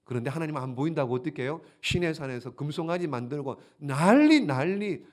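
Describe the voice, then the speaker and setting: A male pastor preaching a sermon, animated and often putting questions to the congregation before answering them himself. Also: on the high side, brisk.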